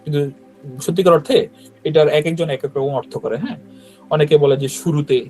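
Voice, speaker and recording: Male language teacher, patient and explanatory, slightly high voice, faint music underneath. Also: fairly even intonation, moderate pace, dark tone. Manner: explains patiently, keeps checking with "right?". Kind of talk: online language class.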